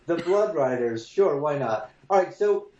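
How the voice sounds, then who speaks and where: A man's voice: a little high, lively intonation, measured pace, darkish tone. A man co-hosting a podcast in casual chat, hesitant with many fillers, his voice hollow and echoing as if he talks from inside a hole. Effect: hollow echo, sounds like talking from inside a hole. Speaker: podcast co-host. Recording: echoey, muffled remote line.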